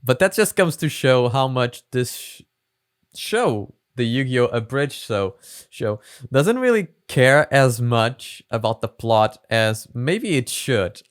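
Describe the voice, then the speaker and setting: A man's voice: medium pitch, very animated, slow pace, clear, resonant tone, no echo, clean studio sound. A man hosting a reaction video, talking casually in a chatty, rambling way with many fillers.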